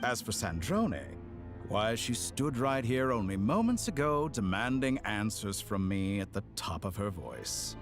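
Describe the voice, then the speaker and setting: Suave smug game villain, kinda low, swoops around, fake polite, loud music under him. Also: male voice, very animated. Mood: smug, disdainful. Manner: theatrical, drawn-out, mock-polite. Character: suave, smug male villain scientist greeting captured intruders. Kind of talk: video game voice acting.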